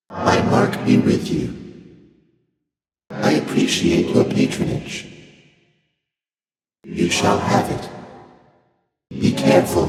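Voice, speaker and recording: A man playing an ancient, courteous, detached deity of chaos in a video game, speaking in formal, stately phrases with faint amusement and a breathy voice in cavernous reverb. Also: deep voice. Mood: calm, accepting. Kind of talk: video game character dialogue. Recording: echoing long reverb under loud music.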